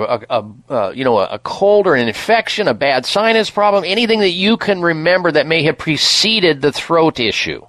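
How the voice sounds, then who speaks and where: A man with a fairly high voice hosts a radio health show. His pitch swings all over as he pitches products and answers callers. The sound is close and dry. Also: dry recording. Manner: lively, salesy, advising. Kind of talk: radio call-in show and live ad read.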